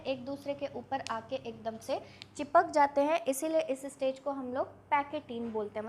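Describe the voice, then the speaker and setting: In an online exam-prep lesson, a woman walks her students through biology step by step, asking questions and then answering them herself. Her voice is high-pitched, with slight background noise.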